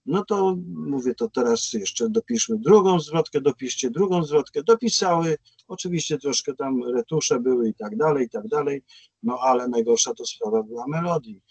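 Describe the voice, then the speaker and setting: Man, school principal, husky voice, dry close sound, hesitant storytelling with fillers. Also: medium pitch, animated, normal speed, a little mellow, no room sound. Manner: hesitant, full of fillers and restarts. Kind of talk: anecdotal webinar talk.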